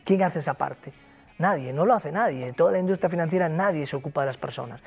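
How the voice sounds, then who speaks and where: In an interview conversation, a Galician man who founded a broker company speaks emphatically, repeating points to motivate. His voice is a little high, creaky and slightly rough, and he talks fast. Faint music plays behind him, and his Galician Spanish accent is clear.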